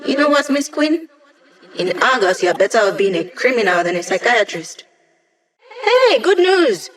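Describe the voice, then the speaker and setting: A woman's voice: on the high side, very animated, normal speed, fairly bright tone. An actress playing a young digital hacker woman in a video game, wry and playful, with casual, teasing tech-geek banter. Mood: animated, wry. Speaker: hacker support character guiding a squad. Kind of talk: video game character voice lines.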